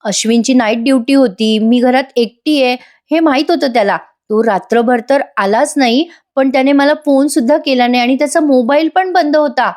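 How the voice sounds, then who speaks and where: A woman's voice: high voice, normal speed, few pauses, a little mellow, voice pushed up, lightly acted. A woman voicing a hurt young wife who questions her husband about where he spends his nights. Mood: confiding. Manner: questioning, accusing.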